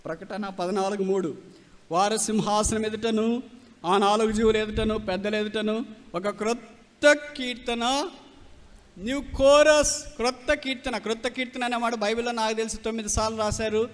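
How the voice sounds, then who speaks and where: A man's voice: high-pitched, level tone, moderate pace. A male preacher from Rayalaseema giving an emphatic sermon, repeating key phrases and mixing in English terms. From Rayalaseema, India. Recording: long hall reverb.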